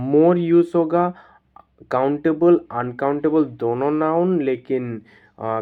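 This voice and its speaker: A male teacher explains grammar to students, going over each rule again and pausing often. His voice sits at a middle pitch. The recording sounds slightly dull and lo-fi. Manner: explains step by step, repeats rules, many "uh" pauses. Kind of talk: classroom-style lesson explanation.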